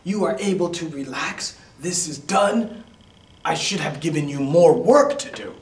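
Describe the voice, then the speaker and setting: A man's voice: fairly high pitch, lively intonation, measured pace, recorded from a distance. A man voicing a cruel, stern stepmother. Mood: scolding. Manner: stern, threatening, drops to a whisper. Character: cruel harsh stepmother, woman, demanding. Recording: roomy echo, voice off-mic.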